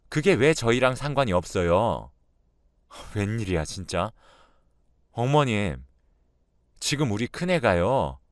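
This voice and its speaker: A man's voice: lowish voice, no room sound, clean studio sound. A man voicing a middle-aged daughter-in-law who angrily confronts her mother-in-law, talking in a raised, pleading voice in a radio drama.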